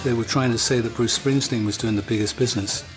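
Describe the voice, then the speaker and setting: A man's voice: mid-range voice, steady tone, fast talker, soft background music. An English man recalling his band days in an interview, wry and dry, often stammering as he restarts. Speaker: guitarist interviewee. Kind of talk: reflective interview recollection.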